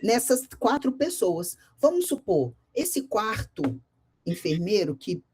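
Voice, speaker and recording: A woman with a Brazilian Portuguese accent teaching a class, telling a story and questioning her students in a lively, direct way. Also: medium pitch, slow, husky.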